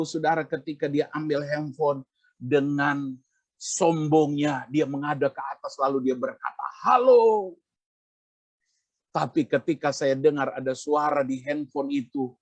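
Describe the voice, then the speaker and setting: High-voiced pastor telling a story. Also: male voice, no room sound. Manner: addresses congregation repeatedly, acts out quoted voices. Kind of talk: sermon with a personal story.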